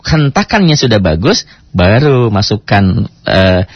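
A man teaching Quran recitation, chatting casually and breaking into slow chanted demonstrations. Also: on the low side, big pitch swings, breathy edge, no room sound. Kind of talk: tajwid lesson with recited demonstrations. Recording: dry, dull lo-fi radio recording.

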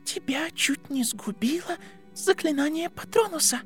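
An eerie, withered old witch, put on by a male storyteller speaks in a thin, high whisper with a dusty rasp. Her voice sits well above his natural register and stays hushed. Faint music hums behind her. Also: animated, a little slow, heavily acted. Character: frail, eerie old witch prisoner, woman.

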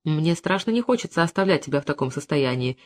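An audiobook reader voicing a patient, slightly guilty husband who speaks softly and coaxingly. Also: medium pitch, expressive, fast, voice pushed down, lightly acted. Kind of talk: audiobook character reading.

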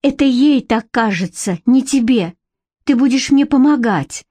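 Heartbroken young village girl, rushed and emotional, pitched a little higher, read by a woman. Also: lively intonation, mellow, slightly rough, dry recording, full character voice. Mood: pleading.

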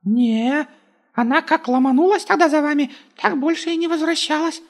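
A man's voice: very high-pitched, moderate pace, pitched above the performer's own voice. A male reader voicing a simple-minded, childlike giant who speaks plainly and whines a little, in an audiobook.

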